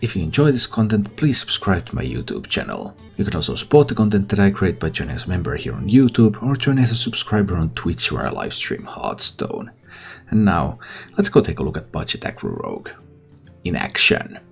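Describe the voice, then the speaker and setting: Low-voiced man with animated, swooping intonation. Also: fairly quick, vocal fry. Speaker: gaming content creator and host. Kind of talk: casual game commentary, thinking aloud. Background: background music.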